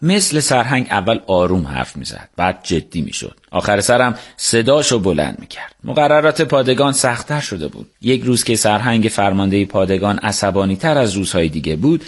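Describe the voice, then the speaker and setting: A man narrating a book on the radio in a calm, measured storytelling manner. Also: fairly low pitch. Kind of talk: scripted narration.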